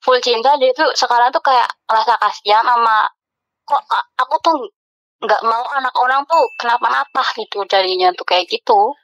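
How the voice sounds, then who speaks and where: A woman's voice: on the high side, normal speed, fairly bright tone, no room sound. A woman calling in for advice, retelling her story in an emotional, rambling way with many fillers, close to tears. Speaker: caller. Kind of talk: phone-in advice chat. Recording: dull lo-fi phone audio.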